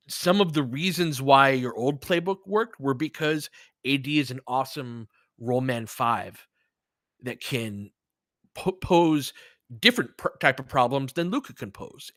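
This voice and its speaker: Hosting casual live sports commentary, a man with a bright, forceful, medium-pitched voice chats straight to his listeners, shifting between play-by-play and analysis. He's conversational and mildly profane, and the recording is close and dry.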